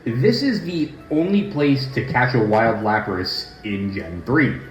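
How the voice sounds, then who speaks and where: A man's voice: medium pitch, expressive, takes it slowly, faint music behind. A man giving casual, joking gameplay commentary as a let's play host, recorded in a large, echoey room at home. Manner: joking, chatty asides.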